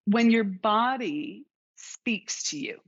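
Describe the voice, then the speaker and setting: A woman's voice: on the high side, expressive, slow. Woman host with dull lo-fi sound. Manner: thoughtful, restarts phrases, steers the talk. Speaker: podcast host. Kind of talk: casual interview chat.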